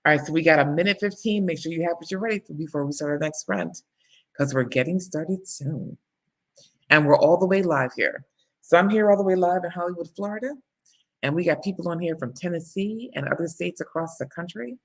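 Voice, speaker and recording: A woman with a low, husky voice hosts a casual livestream as a book coach. She chats freely, laughs often and reads out viewer comments. There is a gravelly edge to her speech. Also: animated, a little fast. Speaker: book coach hosting live writing sprints. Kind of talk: casual live-stream chat.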